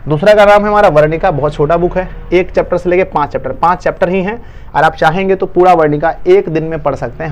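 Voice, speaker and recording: A male online tutor with a Bihari Hindi accent, giving an urgent, coaxing exam-prep lesson to students. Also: on the high side.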